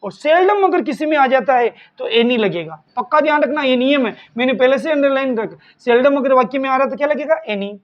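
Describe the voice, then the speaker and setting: A middle-aged man with a very high voice teaches an exam-prep grammar lesson. He talks emphatically and keeps asking a question, then answering it himself. The recording sounds dull and lo-fi. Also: animated, brisk, few pauses.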